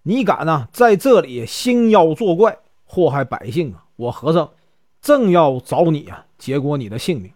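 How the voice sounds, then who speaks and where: Storyteller doing a cheeky fearless mad monk, northeastern accent, high and lively. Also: male voice, normal speed, no echo, studio quality. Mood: stern. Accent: Northeastern Mandarin. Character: eccentric wandering mad monk, male, playful and fearless.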